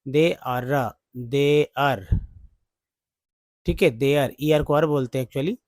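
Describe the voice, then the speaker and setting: A male tutor walks through English spelling letter by letter, sounding out each piece at an unhurried, deliberate pace. He repeats words again and again for his students. His voice sits at an ordinary pitch and sounds close and dry. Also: no echo. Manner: slow, repeats each sound many times. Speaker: English teacher. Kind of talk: spelling and pronunciation lesson.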